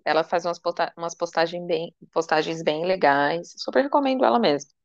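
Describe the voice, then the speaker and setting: A woman's voice: on the low side, a little fast, dry recording. A woman podcast guest with a Brazilian Portuguese accent, chatting in an upbeat, emphatic, teasing way. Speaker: podcast guest, financial consultant. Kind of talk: casual chat. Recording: dull lo-fi sound.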